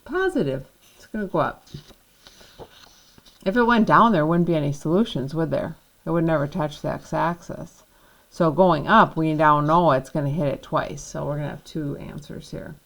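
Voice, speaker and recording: A woman's voice: low-pitched, normal speed, gravelly, low-quality recording. A woman teaching a math lesson, patiently walking through each step and checking in with the class.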